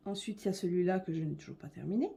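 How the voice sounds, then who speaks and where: A woman's voice: fairly low pitch, rapid-fire, creaky, warm tone, husky. A young woman vlogger chatting casually and a bit hesitantly as she shows her coloring books, with many fillers.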